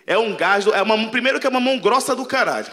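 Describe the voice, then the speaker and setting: A man's voice: sits high, animated, racing, bright, forceful tone, slight background noise. A man from Pará doing a crude, brash stand-up comedy set on a large theater stage, acting out the voices of people in his stories. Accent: Pará Brazilian Portuguese. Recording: live theater hall with crowd laughter.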